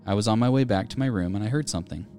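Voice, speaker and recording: A podcast co-host with a lowish voice talks very fast, reading listener ghost stories aloud in a steady storytelling way and chatting casually. Faint music sits behind him.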